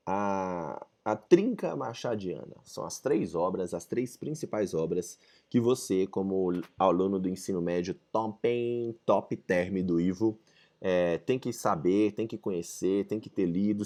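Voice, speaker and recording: Chatty Brazilian teacher, low mellow voice. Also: male voice. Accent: Brazilian Portuguese. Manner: chatty, slangy, mixes in English phrases. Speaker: literature teacher. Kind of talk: casual video lesson.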